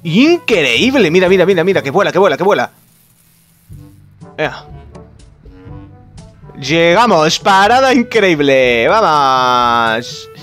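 A young man with a Spain Spanish accent doing animated, excitable game commentary for a video channel. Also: fairly high pitch, slow pace, long pauses. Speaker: gaming YouTuber. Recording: faint background music.

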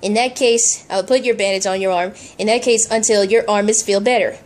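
A woman's voice: mid-range voice, steady tone, brisk, pitched below the performer's own voice, close to an everyday voice. A woman voicing a caring young woman who stammers as she reassures a hurt friend in an amateur home play. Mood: soothing.

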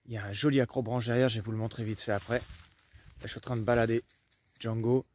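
A young adult from France, a travel vlogger, speaks quickly in a mid-range voice with a darkish tone and fairly even intonation. He narrates his casual vlog to a handheld camera at arm's length, rambling chattily with many fillers, outdoors in a foggy forest and parking lot and also inside a camper van.

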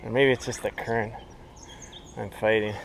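A man in his forties, fishing from an outdoor riverbank, chatting excitedly to the camera and to the fish he catches. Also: lowish voice, moderate pace, creaky, a little hiss or hum. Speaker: fishing vlogger. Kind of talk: casual narration while fishing. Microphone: chest-mounted action camera.

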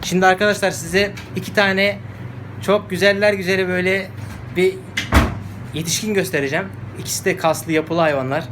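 A man vlogging casually and excitedly, cooing baby talk to puppies between remarks to his viewers. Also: high-pitched, brisk. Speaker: vlogger showing dogs. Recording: echoey room with background noise.

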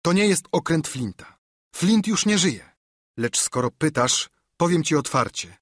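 A man's voice: fairly high pitch, animated, unhurried, no room sound, clean studio sound, voice pushed up. A man voicing a young boy sailor who answers briefly and matter-of-factly.

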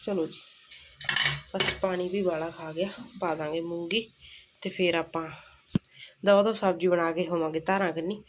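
A woman's voice: on the low side, fairly even intonation, normal speed, pauses often. Chatty Punjabi village woman vlogging. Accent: rural Malwai Punjabi. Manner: homely, chatty, addressing viewers. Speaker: family vlogger. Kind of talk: casual daily village vlog chat. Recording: faint background noise, home vlog recording.

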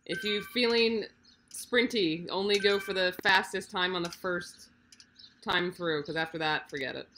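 Hoarse, chatty woman streamer. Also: lowish voice, measured pace, pushed and bright, a little hiss or hum. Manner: chatty, rambling, with side remarks. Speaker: livestream host of a cycling race team. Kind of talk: casual livestream chat.

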